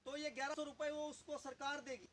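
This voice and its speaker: A man's voice: very high voice, steady tone, brisk, a bit bright, slight background noise. A man giving a political speech to a village gathering, asking the audience rhetorical questions. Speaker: local party leader.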